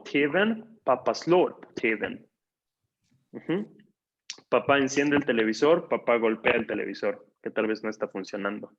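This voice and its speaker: A man teaching a language class online, patiently repeating words slowly and filling gaps with soft "ujú" sounds. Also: medium pitch, lo-fi sound. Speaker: Swedish teacher.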